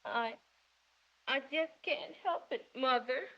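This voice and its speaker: A woman's voice: high voice, slow pace, sharp tone, full character voice. An actress playing an emotional young woman in love who speaks in breathless, gushing exclamations, on a dull 1930s film soundtrack. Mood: excited. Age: young adult.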